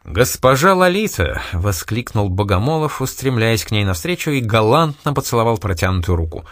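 A man reading a novel aloud as an expressive narrator, close to a studio mic. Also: lowish voice, fairly quick, no echo. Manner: expressive reading, voicing every figure. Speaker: audiobook narrator. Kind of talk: scripted narration.

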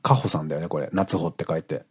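A man's voice: rumbling low, steady tone, quick pace, breathy edge. A middle-aged man co-hosting a radio show, chatting casually, laughing often and rambling off into asides.

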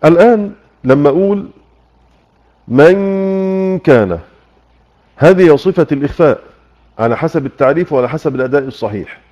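A man's voice: fairly high pitch, rapid-fire, dark tone. A man with an Egyptian accent teaching Quran recitation rules in an online lesson, repeating key points and quizzing his listeners. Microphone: computer microphone in voice chat room. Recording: muffled online voice chat.

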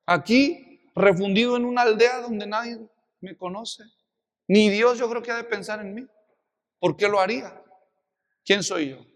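A man with a Mexican accent preaching a sermon, telling a Bible story in a lively way with many rhetorical questions. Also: high voice, normal speed, long reverb tail. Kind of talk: expository sermon.

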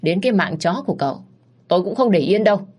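A woman voicing a furious, protective middle-aged mother who shouts and scolds in a storybook reading. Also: mid-range voice, animated, fast talker, voice pushed up, lightly acted.

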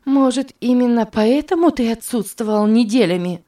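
Brief: female reader as a young woman, raised pitch, stern and accusing, lively delivery. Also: moderate pace, far from the mic, natural voice. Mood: indignant. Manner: sharp, accusing. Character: young wronged woman, fierce and cold with a liar.

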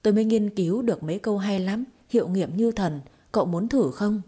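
A woman reading a story, voicing a sharp-tongued young wife who fakes exorcism chants in mock gibberish. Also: medium pitch, fairly quick, breathy edge, close to an everyday voice. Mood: brash. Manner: brash, mocking, gibberish chanting.

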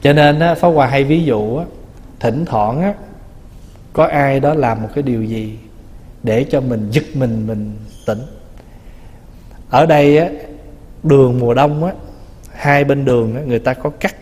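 A man's voice: mid-range voice, measured pace, pauses often, a little mellow. A man, a Buddhist monk, giving a conversational dharma talk, teasing and acting out little quoted remarks. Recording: long reverb of a hall.

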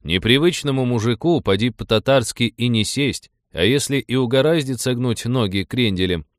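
A man's voice: medium pitch, moderate pace, no room sound, clean studio sound. A man narrating an audiobook, reading expressively and voicing every character himself.

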